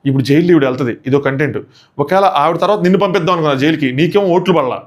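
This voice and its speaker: Fast-talking, high-pitched man reviewer. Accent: Telugu. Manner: animated, quick, mixes in English phrases. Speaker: reality show reviewer. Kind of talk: casual commentary.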